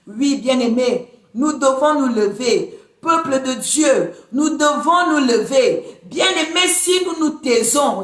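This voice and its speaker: A woman preacher and prophetess, hoarse after singing, giving a fervent livestream sermon peppered with exclamations of praise. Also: high voice, fairly bright tone, reverberant.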